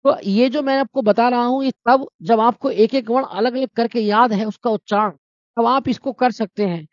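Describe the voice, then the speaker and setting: A man's voice: very high-pitched, moderate pace, dry recording. A man teaching a Hindi exam-prep lesson, explaining step by step, asking his own questions and answering them, and calling his students brother and friends. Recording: dry, dull lo-fi sound.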